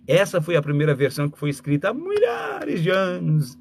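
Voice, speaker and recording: Male mentor, motivational live talk, bouncy and expressive, on the high side. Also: normal speed, vocal fry, a little hiss or hum. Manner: animated, acts out little dialogues, speaks straight to listeners. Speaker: communication mentor and speaker.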